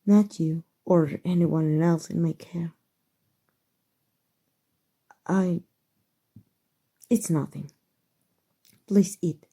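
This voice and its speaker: A woman with a Mexican accent plays a centuries-old vampire lady, elegant and gently possessive, with a very mellow, dark-toned voice on the low side and fairly even intonation. In a breathy ASMR roleplay, she speaks slowly and tenderly, doting and wistful, offering soft, formal, unhurried endearments.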